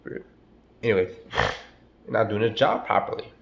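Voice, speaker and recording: Speaking at normal speed with big swings in pitch, a man with a lowish, creaky voice gives a slangy, profane street-style sermon, addressing people as "bro" and "man." He has a stuffy cold, and the audio is dull and reverberant.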